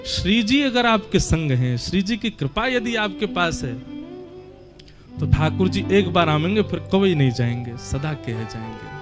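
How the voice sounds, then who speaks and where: A man's voice: high-pitched, very animated, measured pace, over music. A man with a Braj accent telling a devotional story as a preacher, in an emotive, chanting storyteller's manner.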